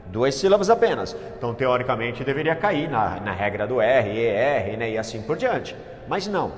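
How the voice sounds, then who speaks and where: Animated man teaching in an echoey room. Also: mid-range voice, moderate pace. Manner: animated, exclamatory, emphatic. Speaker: English teacher. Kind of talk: classroom grammar lesson. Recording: echoey room with long reverb.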